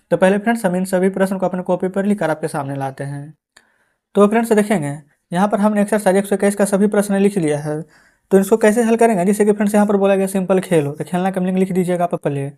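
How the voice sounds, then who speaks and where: Guy teaching english online, slow dictation, spelling words letter by letter, calls everyone friends. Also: high-pitched, darkish tone. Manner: calls listeners "friends" in nearly every line; slows down and trails off when dictating answers. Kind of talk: online tutoring lesson.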